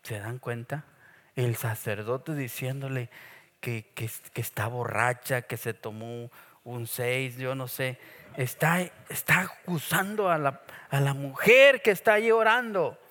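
Male preacher, slow, bright and forceful delivery, jokey sermon style, long hall reverb. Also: medium pitch. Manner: lively, jokey preaching with acted asides. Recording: long echo of a church hall.

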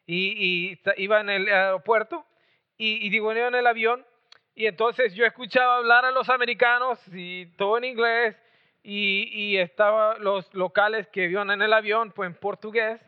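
A man's voice: high voice, smooth. A man born in Mexico, preaching and telling a story with lots of chatty restarts. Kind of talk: storytelling sermon. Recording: tinny phone-like sound.

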